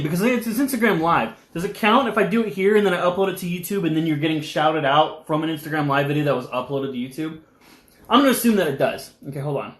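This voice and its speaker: A young man with a slightly high voice chats loosely on a live stream, rambling from point to point with animated energy. He sometimes talks through a mouthful of food. The sound bounces around an echoey room. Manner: rambling, animated, eating while talking. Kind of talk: casual live-stream chat.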